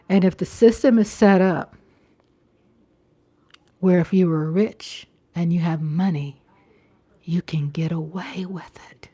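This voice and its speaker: A lowish, dark voice belongs to a woman in her fifties hosting a livestream, who talks casually with viewers, repeats phrases often and keeps checking in with "you know."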